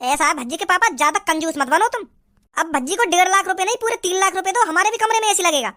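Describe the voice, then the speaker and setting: A bossy, scolding cartoon mother, played by a woman, pushy and quick. Her voice is very high and her words come fast. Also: a bit bright.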